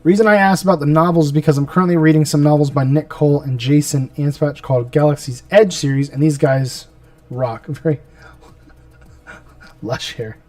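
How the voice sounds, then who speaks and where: A fairly high-voiced man rambles through a casual live stream while he paints, talking half to himself and half to his viewers. He sits a little back from the mic in a dry room, with soft music playing behind him. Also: fairly even intonation, moderate pace, dry recording, distant mic. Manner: rambling, talks to himself as he works.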